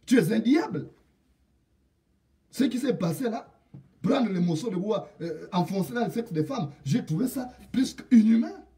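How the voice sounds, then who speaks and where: Indignant man, high dark voice, distant mic. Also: lively intonation, a little slow. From Gabon. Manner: indignant, repeats proverbs and lines for emphasis. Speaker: political commentator. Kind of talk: direct-address political rant.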